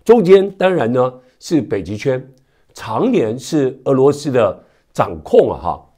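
Stuffy-nosed, hoarse man with lively intonation. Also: medium pitch, measured pace. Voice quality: stuffy, strongly nasal from a cold. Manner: conversational, with frequent sentence-final particles and rhetorical tags. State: slightly hoarse with a cold. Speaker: news commentary show host. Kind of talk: news commentary to camera. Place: indoor studio with virtual backdrop. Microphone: lapel mic.

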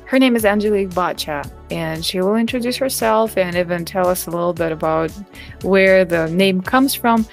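A woman's voice: on the low side, moderate pace, vocal fry, soft background music. A woman with an Eastern European accent co-hosting a podcast, chatting in a friendly way. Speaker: podcast co-host. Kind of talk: casual podcast conversation.

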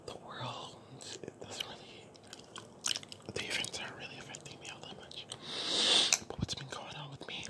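A woman's voice: moderate pace, long pauses. Woman whispering while chewing bubble gum. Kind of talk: ASMR ramble.

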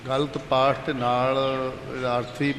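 A man quietly and deferentially prompting the teacher to explain a line. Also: medium pitch, little pitch movement, unhurried. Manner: soft, deferential. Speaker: moderator. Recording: distant voice in echoey room, faint noise.

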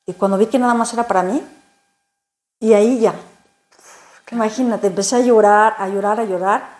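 A woman recounts a personal faith testimony in an interview. Her voice is mellow and warm, and her delivery is emotional and halting, full of repeated words and restarts. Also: mid-range voice, fairly even intonation. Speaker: interview guest.

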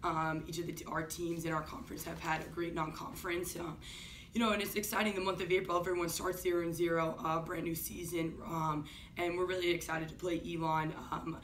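A woman head coach answering questions at a postgame press conference, talking quickly with frequent ums. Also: on the low side. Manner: quick, steady, many ums. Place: office-like room, indoors. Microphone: far camera. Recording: distant room mic with faint hiss.

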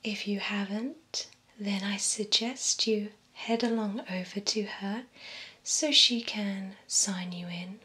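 A young adult woman plays a vampire beautician in an ASMR role-play, whispering slowly and breathily with soothing, formal client care in a poised, soothing mood. Her mid-range voice is steady, bright, and forceful in tone. A close binaural microphone captures the close whisper over clear ambient noise.

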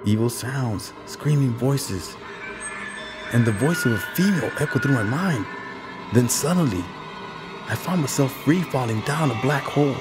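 Guy doing a worried little boy, higher pitched, pleading and shaky. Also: animated, normal speed, over music, close to an everyday voice, poor audio. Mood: earnest, shaken. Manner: pleading, shaken. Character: anxious troubled young boy.

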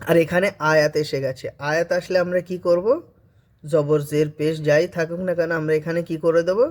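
A male teacher giving a Quran reading lesson, who spells out the letters and recites the verses slowly, asking and then answering his own questions. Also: a little high, flat delivery.

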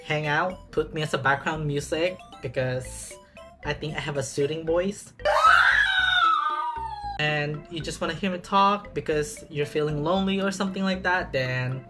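Shouting over loud music, the young man speaks at normal speed in a fairly high voice. The vlogger casually unboxes a bag in his small apartment, sassy and dramatic, stretching words to emphasize them.

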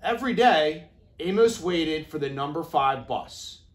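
Lively, higher-pitched man reading to children. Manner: deliberate, expressive phrasing for young children. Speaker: educator reading aloud to kindergarteners. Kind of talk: children's storybook read-aloud. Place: classroom, indoors.

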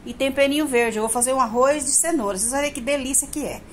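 In her small home kitchen, a middle-aged home cook with a high-pitched voice talks at a quick pace, chatting casually to viewers while she demonstrates her cooking. A phone partly across the room captures echoey sound and clear sizzling.

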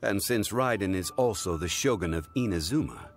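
A man voicing an ancient god living as a calm, dignified mortal, speaking in measured, formal sentences. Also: deep voice, soft background music. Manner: measured, formal, stately speech. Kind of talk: video game voice acting.

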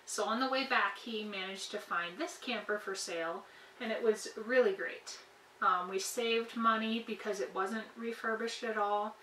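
Inside her small camper trailer, a woman in her thirties happily shows off her renovation in a casual vlog tour. Her mid-range voice sounds pushed and bright, with slight background noise and poor audio quality.

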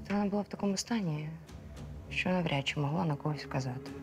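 A chatty waitress who is defensive and eager to point fingers. Her voice sits on the lower side for a woman, with faint music behind her. The show is a crime docudrama reenactment. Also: quick pace, darkish tone. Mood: gossipy. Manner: talkative, gossipy, defensive. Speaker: restaurant waitress.

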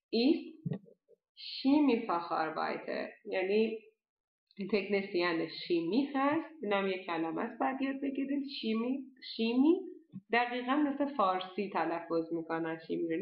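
A woman teaching a language lesson, explaining step by step and saying the foreign words slowly and carefully. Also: on the low side. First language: Persian. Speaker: German teacher. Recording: dull lo-fi echoey room.

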